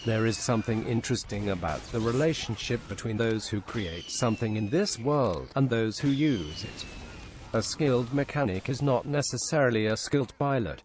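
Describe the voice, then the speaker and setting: A synthetic text-to-speech male voice reading a written story aloud in a flat, even machine delivery. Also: medium pitch, a little hiss or hum. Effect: synthetic text-to-speech computer voice.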